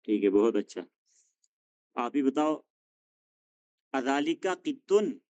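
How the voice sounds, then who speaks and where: A man teaching an Arabic lesson, drilling students with questions, patient and encouraging as he corrects them gently. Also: medium pitch, sing-song, slow pace, no room sound, highs cut off.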